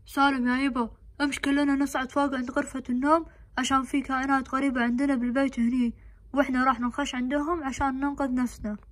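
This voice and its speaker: A woman voicing a middle-aged father in a family drama, giving hurried commands. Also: high-pitched, little pitch movement. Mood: urgent. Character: urgent father Abu Salem, middle-aged.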